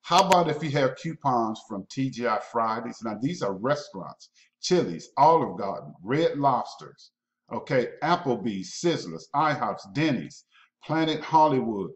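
A man giving a sales pitch over a screen recording, pushy and repetitive, checking in with "okay?" again and again. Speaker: mail-order program promoter. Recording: roomy, dull lo-fi sound.

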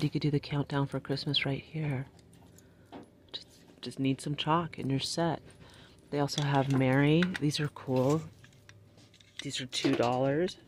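A woman's voice: rumbling low, noisy background. Chatty woman shopping. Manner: chatty, gushing over cute finds. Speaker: shopping vlogger. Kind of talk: casual shop-with-me commentary. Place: retail store aisle. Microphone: handheld phone camera.

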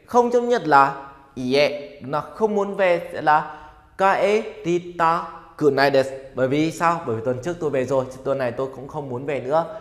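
A man teaching a grammar lesson in an upbeat way, asking students questions and having them repeat sentences. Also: a little high. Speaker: Japanese language teacher. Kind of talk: grammar lesson for Vietnamese learners. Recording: echoey room with long reverb.

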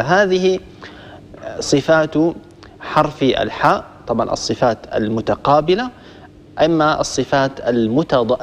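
A man teaching a Quran recitation lesson, explaining in a measured way and stopping to demonstrate letter sounds. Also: mid-range voice. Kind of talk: tajweed lesson to listeners. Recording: long reverb, hall-like echo.

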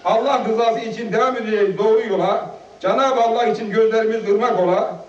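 A man in his fifties giving a halting, nervous speech at a gathering and reciting a heartfelt poem. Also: sits high, steady tone. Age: 50s. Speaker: guest speaker at a farewell gathering. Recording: echoey, distant, dull lo-fi home video.

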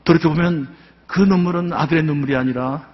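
A man's voice: on the high side, fairly quick. An older man, a church elder, gives an earnest, heartfelt personal testimony at a dawn prayer service in a church sanctuary. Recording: dull sound with long hall reverb.

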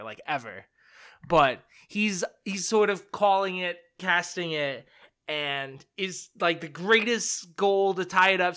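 A young man co-hosting a casual podcast chat, excitable and rambling with lots of fillers. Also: a little high, smooth. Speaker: podcast co-host.

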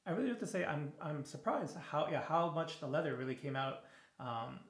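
A man's voice: fairly high pitch, fairly quick, a bit bright. A man in his thirties hosting a shaving video in a small home bathroom, talking casually and a bit tiredly, with frequent fillers and restarts as he goes. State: a little tired in the evening. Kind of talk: casual product review while shaving. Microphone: camera on the counter at close range. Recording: echoey bathroom.

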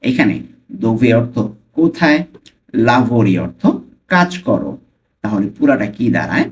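A man with a Bangladeshi accent teaching Italian phrases, repeating each one slowly and carefully. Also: mid-range voice, very animated. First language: Bengali. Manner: slow, careful repetition of phrases. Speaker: language teacher. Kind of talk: Italian lesson for Bengali speakers.

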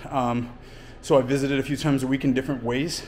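Casual male fitness coach vlogging, winded, middle pitch. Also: flat delivery, quick pace, darkish tone. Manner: explains training plainly between efforts, with fillers. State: out of breath. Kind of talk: casual workout vlog talk. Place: home gym and outdoors in winter.

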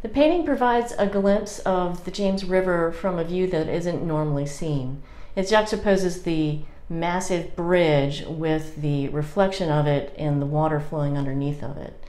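A woman in her fifties, a painter introducing her work in a measured, explanatory way with small fillers, recorded by a camera a few feet away in her home studio. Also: fairly low pitch, mellow. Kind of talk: scripted artist introduction. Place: home art studio, indoors. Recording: echoey room.

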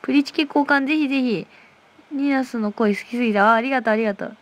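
A woman's voice: sits high, fast. A woman hosting a casual livestream from her phone, reading viewer comments aloud and answering with playful, teasing replies. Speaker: livestream host.

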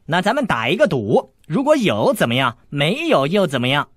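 A man voicing a cheeky, scheming teenage boy eunuch who teases and boasts, in a lively, raised voice. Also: on the high side, moderate pace, no room sound, clean studio sound, pitched above the performer's own voice, heavily acted. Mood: teasing. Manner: teasing, boastful, playful.

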